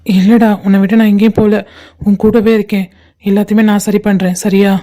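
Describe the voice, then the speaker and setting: A woman's voice: sits high, steady tone, moderate pace, mellow, lightly acted. A woman voicing a loyal young man in a cartoon, consoling his best friend and scolding him with affection. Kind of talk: cartoon voice acting.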